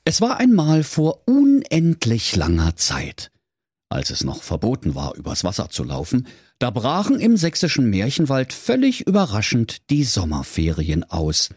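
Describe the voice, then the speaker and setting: A man with a Saxon accent tells a comic fairy tale in a playful, mock-solemn storyteller's voice. His pitch rises and falls in wide, lively swings. The recording is dry and close. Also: a little slow, husky, no room sound.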